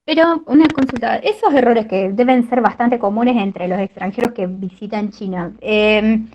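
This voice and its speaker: A woman's voice: fairly high pitch, moderate pace, darkish tone, dull audio. A woman student politely asking her teacher questions during a class.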